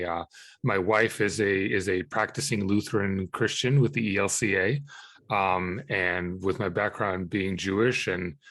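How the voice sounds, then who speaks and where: A man in his thirties from Israel, a podcast guest answering questions in a halting way with many fillers and restarts. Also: fairly low pitch, fairly bright tone, no room sound. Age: 30s. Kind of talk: conversational interview answers.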